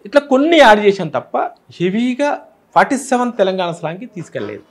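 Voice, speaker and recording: A man's voice: sits high, big pitch swings, quick pace. A man with a Telangana Telugu accent, a film director, explaining his film in an interview with examples from village speech. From Telangana, India.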